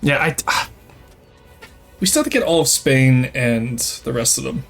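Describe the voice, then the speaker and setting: Soft music underlies a mid-range, slightly bright voice with vocal fry, lively intonation, and a moderate pace. The speaker is a young French Canadian streamer from Quebec, Canada, with a light Québécois accent, chatting casually with his viewers during a strategy game. Chatty throughout, he reads and answers chat while playing in this casual gameplay livestream.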